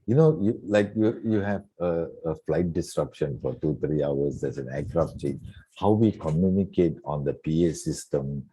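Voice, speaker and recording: A man in his sixties from Singapore, a retired coach reflecting in an interview with many soft fillers. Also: rumbling low, normal speed, husky. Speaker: guest coach. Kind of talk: relaxed interview conversation.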